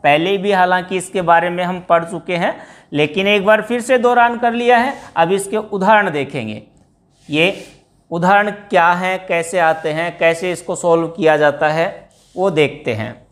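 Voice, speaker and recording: A man with a high-sitting, fairly bright voice teaches grammar, breaking things down step by step. He asks his students questions, then answers them himself, drawing out words whenever he stresses an example.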